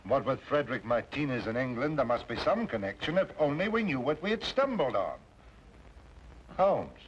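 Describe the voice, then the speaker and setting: Man acting police inspector, official, lively intonation, faintly noisy old radio play. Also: mid-range voice, lo-fi sound, lightly acted. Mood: urgent. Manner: brisk, official. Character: brisk, earnest Scotland Yard police inspector.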